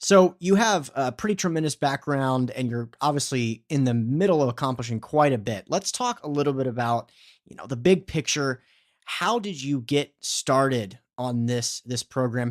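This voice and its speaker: A man hosting a podcast, introducing the episode and guest earnestly, often saying "you know". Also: medium pitch. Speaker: podcast host.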